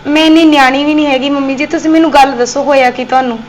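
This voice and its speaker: An actress playing a worried young daughter-in-law with a Punjabi accent in a short film. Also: female voice, sits high, steady tone, very fast, a little hiss or hum, natural voice. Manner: worried, questioning.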